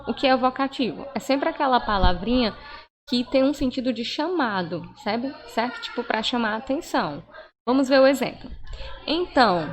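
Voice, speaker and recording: A woman's voice: on the high side, a little hiss or hum. A young woman with a Brazilian Portuguese accent teaching a grammar lesson online, explaining step by step and often checking in with tag questions.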